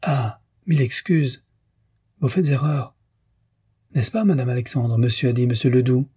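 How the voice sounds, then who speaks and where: A man voicing a fussy café owner in a storybook reading, answering with smooth, overly polite protests. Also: medium pitch, normal speed, warm tone, no echo, clean studio sound, close to an everyday voice. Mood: mock-innocent. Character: fussy, evasive Parisian café owner, middle-aged man.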